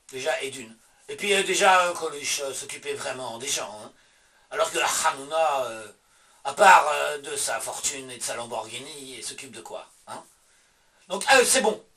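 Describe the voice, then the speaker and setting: A man's voice: medium pitch, animated, measured pace, pushed and bright. Belgian-accented male vlogger, mocking casual rant, distant from the mic. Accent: Belgian French. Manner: sarcastic, swears, talks back to himself in asides. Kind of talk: casual ranting monologue.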